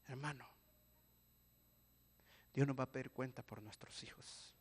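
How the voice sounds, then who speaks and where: A male pastor, preaching a sermon and swinging from hushed pleading to loud exhortation. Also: mid-range voice, fairly even intonation, a little slow, slightly rough. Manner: preaching with sudden shouts and soft pleading drops.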